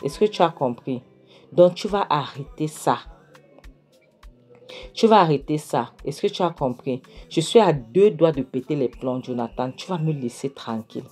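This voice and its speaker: A woman voicing a defiant wife in a retold film, scolding her husband and demanding he understands, in a low dark voice. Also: animated, moderate pace, husky, faint music behind. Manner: scolding, repeats "est-ce que tu as compris?".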